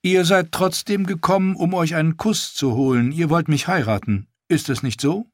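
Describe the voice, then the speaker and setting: A man reading an audiobook, voicing a proud young queen who speaks in a regal, measured way. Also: fairly high pitch, dry recording, clean studio sound, voice pushed up, close to an everyday voice. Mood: teasing.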